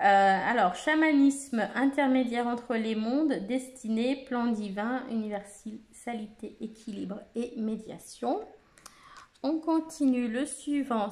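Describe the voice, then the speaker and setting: Woman, fairly high voice, casual oracle-deck presenter, halting and unpolished, reads lists aloud. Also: a little mellow. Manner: reads keyword lists, many hesitations. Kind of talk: casual card deck walkthrough.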